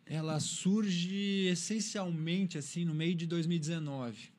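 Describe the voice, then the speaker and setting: A man from São Paulo, an interview guest telling animated stories and acting out what others said. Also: fairly high pitch, measured pace. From Brazil, São Paulo. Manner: animated storyteller, acts out quotes. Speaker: interview guest, cycling content creator. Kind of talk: casual interview chat.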